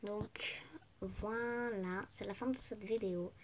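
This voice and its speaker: A woman's voice: mid-range voice, fairly even intonation, slow pace, slight background noise. A young French woman playing a guessing game on camera, reading its questions aloud and answering them herself in a casual vlog.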